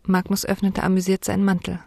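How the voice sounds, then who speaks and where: A woman narrating a first-person storybook. Her delivery is hushed and intimate, often near a whisper, with a dry, close sound. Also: mid-range voice, monotone, quick pace, gravelly, no echo. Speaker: audiobook narrator.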